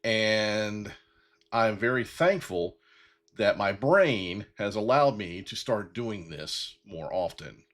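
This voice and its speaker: A man's voice: on the low side, animated, slow, fairly bright tone. A man in his fifties hosting his own show, talking sincerely and rambling with many fillers and restarts. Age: 50s. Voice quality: bald-headed. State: getting emotional. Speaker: podcast host. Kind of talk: heartfelt solo talk.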